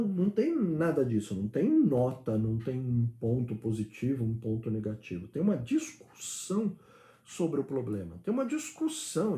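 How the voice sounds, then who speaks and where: A man's voice: on the high side, warm tone, reverberant. A man, a father teaching his daughter at home, giving a reflective spoken opinion with hesitations and little acted-out exchanges. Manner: reflective, argumentative, many hesitations and acted-out dialogue.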